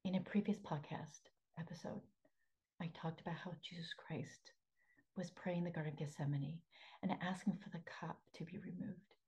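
A woman hosting a faith podcast as a spiritual coach, talking earnestly, repeating phrases for emphasis and often sinking into a soft half-whisper. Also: lowish voice, steady tone, normal speed, slightly rough, poor audio.

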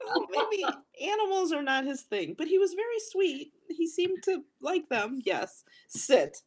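A woman's voice: very high voice, big pitch swings, a little slow. A woman co-hosting a podcast, agreeing and laughing often in casual recap chat. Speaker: podcast co-host.

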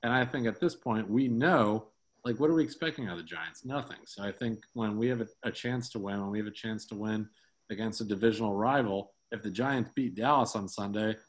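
A man with a fairly low voice co-hosts a casual sports talk show. He rambles, circling back with fillers and restarts as he works through his points. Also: a little fast. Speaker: sports podcast co-host.

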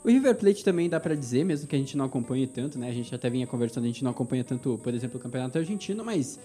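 A man talks quickly and eagerly in a casual football debate, chiming in with facts. His voice is mellow and warm, and faint music plays in the background. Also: medium pitch, expressive. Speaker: panelist.

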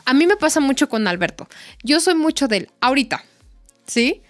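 A young woman with a Mexican accent co-hosting a casual Spanish lesson podcast, telling animated stories. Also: normal speed, dry recording, faint music behind. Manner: animated storytelling, acts out quotes in a high voice. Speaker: podcast co-host and Spanish tutor.

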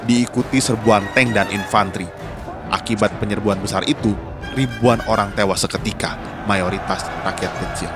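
Low-voiced male documentary narrator. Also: steady tone, moderate pace, music in the background. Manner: formal, dramatic. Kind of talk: scripted historical documentary narration.

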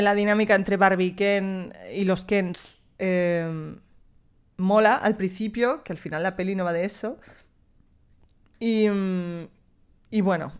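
A young woman with a Spain Spanish accent hosts a casual podcast monologue, chatty, slangy, and mildly profane. Her voice is smooth and medium in pitch.

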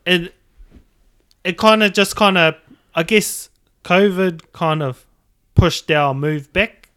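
Higher-voiced man with a Māori New Zealand accent. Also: slow, pushed and bright, clear, resonant tone. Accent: New Zealand Māori English. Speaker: podcast host. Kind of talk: casual podcast chat.

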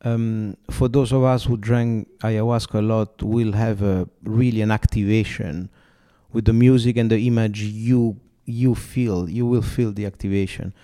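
A man's voice: lowish voice, fairly even intonation, a little slow, warm tone. A man with an Italian accent hosting an interview, asking questions enthusiastically while stumbling over his words. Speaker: interviewer host.

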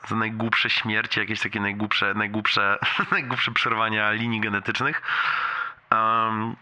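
A man's voice: fairly low pitch, level tone, unhurried, bright, forceful tone. Man leaving a rambling voicemail. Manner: rambling, self-deprecating, with many restarts. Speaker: friend leaving a message.

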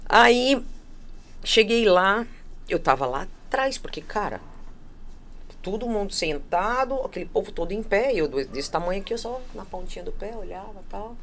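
A woman from São telling a personal story in casual chat, animated and acting out the voices of the people she quotes. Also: medium pitch, normal speed, slight background noise. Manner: animated, acts out quoted voices, laughs often. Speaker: guest.

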